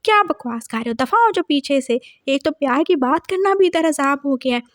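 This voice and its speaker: A sensitive older husband in a storybook, as a woman narrator puts him on speaks in a high voice. His manner is earnest and quick to scold. The recording is dry and close. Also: lively intonation, dry recording.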